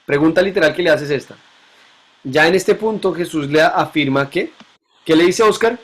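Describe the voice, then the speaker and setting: A man's voice: a little high, moderate pace. Male teacher quizzing a class. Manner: questioning students, repeating key points. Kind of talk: classroom Bible lesson.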